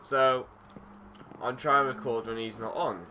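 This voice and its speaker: This young man's mid-range voice stays steady and runs a little slow as he chats through a game for his YouTube let's-play. His easygoing rambling is dotted with fillers and self-corrections, against loud background noise and clicking from the game.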